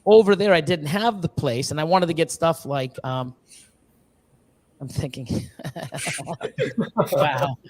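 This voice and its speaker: Here a man with a highish voice speaks slowly and pauses often. He's a ball python breeder appearing as a guest on a laid-back live-stream chat at a reptile facility in Ontario, rambling about breeding with many fillers, restarts and occasional casual swearing.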